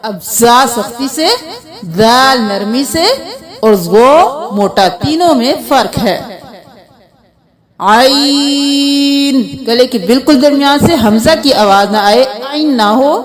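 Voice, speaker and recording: High-pitched female teacher with a Pakistani Urdu accent, slow drawn-out letters, brisk explanations. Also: lively intonation. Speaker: Quran reading teacher. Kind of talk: letter-by-letter pronunciation lesson.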